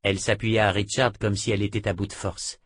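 A man narrating a fantasy audiobook in a measured voice. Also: fairly low pitch, little pitch movement, a bit bright, no echo, clean studio sound.

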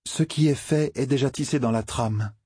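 A man's voice: medium pitch, moderate pace, dark tone, breathy edge, voice pushed up, natural voice. A man playing a cool fatalistic sorceress.

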